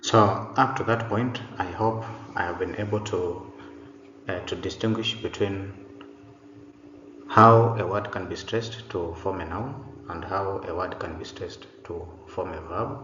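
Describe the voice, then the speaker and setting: A lower-pitched man presents a pronunciation lesson in a deliberate, repetitive teaching manner, pausing on "uh" as he goes. His voice rings with long reverb in a roomy space. The sound is dull and lo-fi. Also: pushed and bright, slight background noise. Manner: deliberate, repeats example sentences, frequent "uh" fillers.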